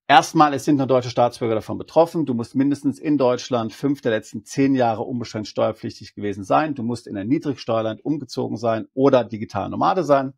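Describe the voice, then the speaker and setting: A man with a gravelly, husky voice talks straight to his viewers as a tax advisor. He works through legal rules step by step, reading out the law text and explaining it in plain terms. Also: mid-range voice, darkish tone. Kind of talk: explanatory video talk.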